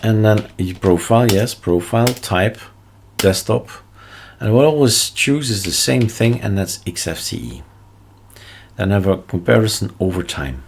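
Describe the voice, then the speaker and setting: A man from Belgium with a Belgian accent, a non-native English speaker, presenting a casual screencast tutorial in short choppy phrases with offhand asides. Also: lowish voice. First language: not English. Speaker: tutorial host. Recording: noticeable background noise, keyboard clicks and typing. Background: keyboard typing and mouse clicks.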